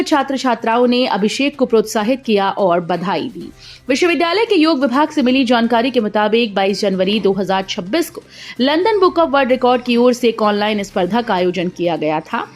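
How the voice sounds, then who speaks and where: A news reader with a fairly high voice reads scripted headlines one after another. Her delivery is steady and formal, bulletin-style, and faint music plays beneath her throughout.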